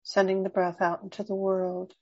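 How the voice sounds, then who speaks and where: A woman guiding a slow breathing meditation, speaking softly and soothingly with long pauses. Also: mid-range voice, monotone, lo-fi sound. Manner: slow, soft, soothing and unhurried. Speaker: meditation guide.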